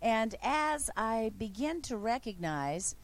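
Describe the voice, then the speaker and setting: A woman preacher telling a testimony in a sermon, animated, moving from hushed to loud and excited. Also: on the high side, takes it slowly.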